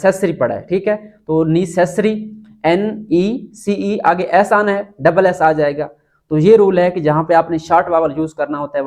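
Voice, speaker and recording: A man's voice: a little high, a little mellow. A man giving a casual spoken lesson, explaining step by step and spelling words out letter by letter. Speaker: teacher.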